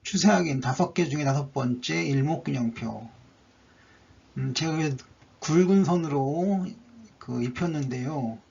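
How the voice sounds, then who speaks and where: A man's voice: a little high, a little slow, gravelly, a little mellow, slightly rough. A man narrating a stock chart analysis, going methodically through each indicator one by one, on a dull lo-fi recording.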